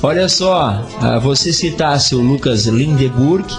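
A man's voice: medium pitch, animated, a little slow, faint music behind. A man, hosting a casual radio interview. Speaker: radio host.

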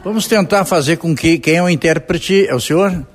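A man's voice: fairly high pitch, normal speed. A Brazilian man working as a reporter, asking direct, sometimes jokey questions on site. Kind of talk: on-site news interview questions. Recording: echoey hall.

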